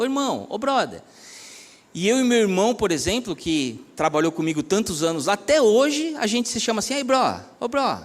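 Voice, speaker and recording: A pastor with a fairly high voice tells his testimony. He speaks earnestly and conversationally. He often turns to his listeners and calls them "my brother". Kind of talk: personal testimony preaching.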